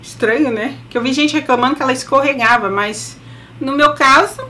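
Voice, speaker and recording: A woman's voice: sits high, a little fast, sharp tone. A middle-aged woman with a Brazilian Portuguese accent reviewing a beauty product in a casual, chatty way with laughing asides, speaking through a face mask. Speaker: beauty vlogger.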